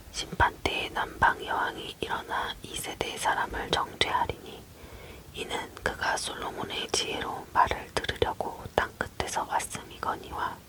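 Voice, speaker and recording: A person leaning in to whisper a Bible reading in a breathy, unvoiced ASMR voice, close to the microphone. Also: extremely high pitch, low-quality recording. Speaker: Bible reader.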